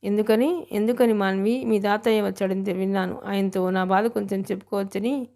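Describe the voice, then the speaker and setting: A woman's voice: medium pitch, fairly even intonation, fairly quick, warm tone, close to an everyday voice. Woman reading as a beaten-up, whining young man. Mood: self-pitying. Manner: complaining, weary. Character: bruised, self-pitying young man.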